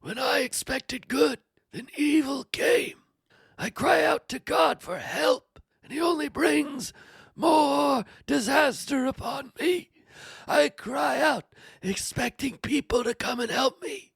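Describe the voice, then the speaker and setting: A woman's voice: high voice, slow pace, gravelly, no echo, heavily acted. A woman voicing the suffering old man Job, tearful and pleading, dramatically reading his lament with whispers and cries. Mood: anguished. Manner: anguished pleading, dramatic swings.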